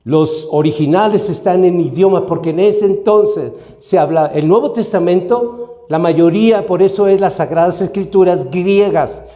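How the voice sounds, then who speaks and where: A man from Mexico preaching as pastor, with a somewhat high but warm, mellow voice. He teaches steadily and keeps checking with his listeners through short questions. The sound carries the echo of a church room. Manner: teaching, asks the congregation questions. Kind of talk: sermon. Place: church hall.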